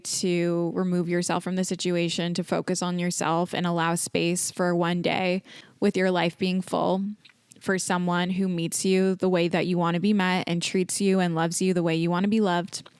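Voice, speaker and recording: A woman's voice: lowish voice, level tone, moderate pace, smooth, no room sound, studio quality. A young woman hosting a casual advice podcast, speaking earnestly and reassuringly, repeating points for emphasis. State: tearful, emotional. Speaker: podcast host.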